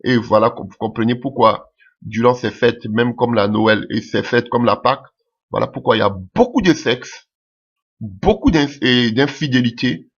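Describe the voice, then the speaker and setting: A man from Ivory Coast preaching a sermon, with halting, repeated phrases and hallelujah said between lines. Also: mid-range voice, slightly rough. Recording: dull lo-fi recording.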